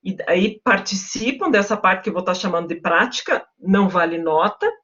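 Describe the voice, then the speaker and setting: A woman's voice: lowish voice, moderate pace, fairly bright tone, dull audio. A woman lecturer teaching a live online class in a chatty, emphatic way, often calling out to her students directly. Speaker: university lecturer.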